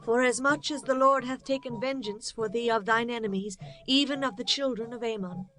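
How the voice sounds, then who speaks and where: Woman playing a high-voiced, dutiful young daughter. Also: a little fast, close to an everyday voice. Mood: resigned. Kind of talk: dramatized scripture acting. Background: music.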